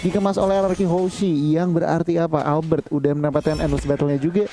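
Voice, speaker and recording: A man's voice: on the high side, level tone, fast, warm tone. A man with an Indonesian accent analysing a live esports match, explaining plays and posing rhetorical questions. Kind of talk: live game analysis commentary.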